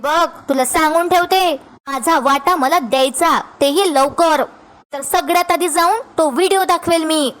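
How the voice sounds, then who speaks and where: A woman acting out a loud, greedy, naive woman nagging for her share, in a shrill childish whine. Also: moderate pace. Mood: demanding.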